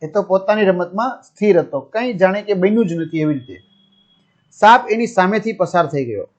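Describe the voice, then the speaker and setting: A man's voice: high voice, expressive, moderate pace. A man teaching young pupils, reading a story aloud, restating each line in simpler words and checking in with his listeners. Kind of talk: reading and explaining a school lesson. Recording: dull lo-fi sound.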